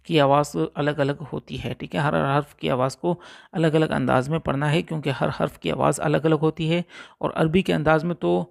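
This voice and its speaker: Gravelly man teaching Quran recitation. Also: on the high side, fairly even intonation. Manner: explanatory, repeats letters slowly to demonstrate pronunciation. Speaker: religious teacher. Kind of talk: Urdu Quran recitation lesson.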